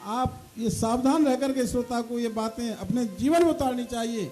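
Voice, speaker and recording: High, mellow male preacher, lively storyteller; soft music bed. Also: moderate pace. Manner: animated, acts out quoted voices. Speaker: religious storyteller. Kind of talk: devotional katha sermon.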